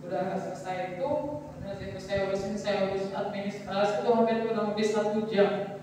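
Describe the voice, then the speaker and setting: A woman's voice: mid-range voice, flat delivery, brisk, background noise. Young woman, personal testimony, rambling storyteller who acts out quotes; distant, very echoey church hall. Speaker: testimony speaker at a youth service.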